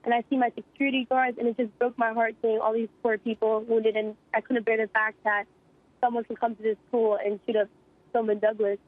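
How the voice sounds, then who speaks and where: A teenage girl, an eyewitness student, recounting events rapidly over the phone, shaken and in shock. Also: on the high side, level tone, no room sound. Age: teens. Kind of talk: phone interview. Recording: tinny phone line.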